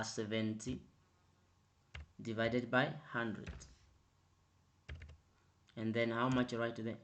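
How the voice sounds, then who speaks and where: A man teaching an online accounting revision class, repeating his prompts and growing louder and more emphatic as he explains. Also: medium pitch. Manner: repetitive, prompting with "right?" and "quickly". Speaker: accounting tutor.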